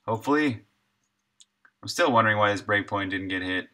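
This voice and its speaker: A middle-aged game developer live-streams his coding from a desk indoors, thinking aloud in short, laid-back fragments. His voice is lowish, brisk, pushed, and bright.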